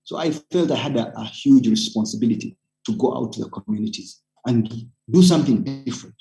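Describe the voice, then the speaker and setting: The recording is low quality. A panelist and community organizer with a Ugandan accent gives a webinar talk that mixes personal story with exhortation. He speaks a little fast, earnest and persuasive, in a creaky, dark voice of medium pitch.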